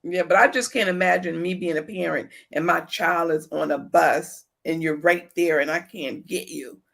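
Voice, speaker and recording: Gravelly-voiced woman hosting a podcast. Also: lowish voice, steady tone, moderate pace, a bit bright. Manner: repeats short affirmations, thanks viewers by name. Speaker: podcast host. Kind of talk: casual livestream chat.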